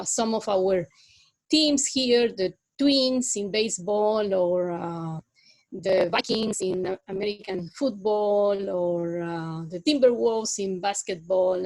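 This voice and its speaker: A middle-aged woman from Guatemala City, a native Spanish speaker with a Guatemalan accent, giving an online guest lecture in a halting way with many "uh"s. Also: mid-range voice, poor audio. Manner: halting, many filler sounds.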